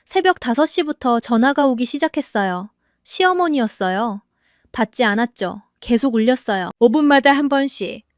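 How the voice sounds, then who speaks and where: A woman narrating a first-person story in a calm, steady scripted reading. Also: a little high, normal speed, no echo, studio quality.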